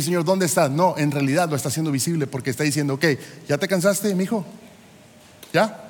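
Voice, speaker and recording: A man's voice: a little high, in a large hall. A man in his forties, a pastor preaching a sermon, emphatic and full of rhetorical questions. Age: 40s.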